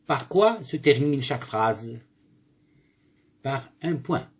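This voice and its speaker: A primary school teacher with a husky, medium-pitched voice moves slowly and expressively through a grammar exercise. Reading and explaining it, he poses questions, answers them himself, and corrects his slips.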